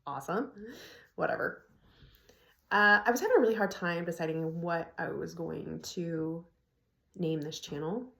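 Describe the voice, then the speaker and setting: A woman's voice: on the low side, normal speed, vocal fry, long pauses, fairly bright tone, reverberant. A middle-aged woman casually telling a personal story to her phone camera, laughing often as she talks. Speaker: vlogger. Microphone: phone propped on an ironing board.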